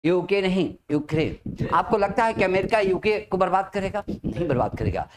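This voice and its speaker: A high-pitched man lectures a class in spoken English, dragging out key phrases for emphasis and pausing to check that everyone follows. A faint hiss sits under his voice. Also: animated.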